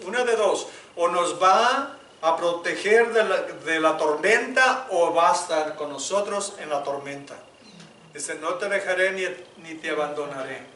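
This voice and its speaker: A man preaching a sermon as pastor, moving between loud appeals and hushed prayer. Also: sits high, a little hiss or hum. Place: church sanctuary. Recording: echoey church room, mic at a distance.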